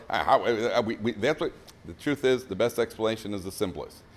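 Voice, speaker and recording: A middle-aged rabbi speaks to a breakfast crowd in a lively voice, his pitch rising and falling a great deal. His delivery is facetious and full of asides, and he restarts sentences as he goes. His pitch sits in a typical middle range for a man. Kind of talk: humorous Torah talk to a live audience. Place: breakfast event room.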